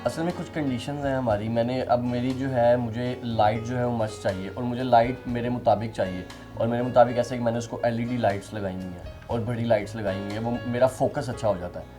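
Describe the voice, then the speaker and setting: Young man, earnest interview answers, soft halting delivery, clear guitar music behind, mid pitch. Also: steady tone. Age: young adult.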